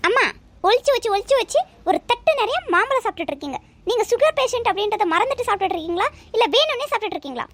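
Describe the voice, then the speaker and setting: A woman's voice: very high-pitched, animated, racing. A woman voicing a grown son in a cartoon who lectures his mother about her health. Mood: exasperated. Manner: lecturing, nagging. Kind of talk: cartoon voice acting.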